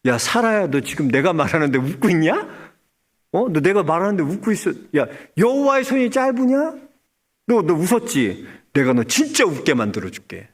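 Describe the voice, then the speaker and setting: A man's voice: high-pitched, big pitch swings, normal speed. A pastor, a man, voicing a stern male deity who bluntly teases and scolds. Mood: teasing.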